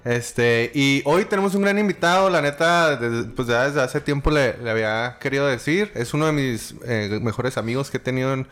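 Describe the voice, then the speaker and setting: Joking podcast host. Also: male voice, medium pitch, a bit bright. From Chihuahua, Mexico. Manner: joking, slangy, halting with fillers. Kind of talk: casual chat over beers.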